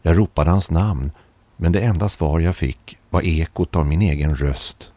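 A man reading an eerie first-person story aloud in a measured, calm narrating manner. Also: sits low.

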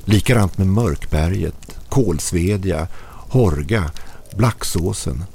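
A man voicing a quiet, odd young man who speaks hesitantly in an audiobook. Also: sits low, creaky, slightly rough, heavily acted.

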